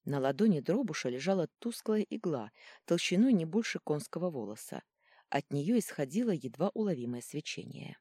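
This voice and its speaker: A woman narrating a fantasy audiobook in an expressive storytelling manner. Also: sits low, normal speed, husky, no room sound, clean studio sound. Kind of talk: scripted narration.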